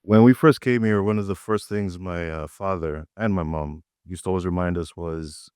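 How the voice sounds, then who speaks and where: Deep-voiced Tanzanian-born man. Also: normal speed, clean tone, dry recording, clean studio sound. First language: Swahili. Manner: reflective, relaxed, with frequent fillers. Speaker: guest artist. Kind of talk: casual interview storytelling. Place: art gallery.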